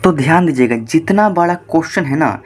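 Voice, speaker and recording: A man's voice: a little high, expressive, brisk. A man teaching fractions step by step, patient and repetitive, asking rhetorical questions as he works through each problem. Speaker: math teacher. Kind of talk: explaining math step by step.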